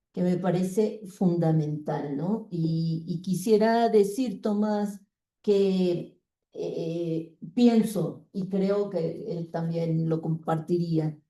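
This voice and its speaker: A woman, an anthropologist and seminar moderator, speaking in slow, measured comments. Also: on the low side, warm tone. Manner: slow, measured, praising remarks. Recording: roomy audio from far off the mic.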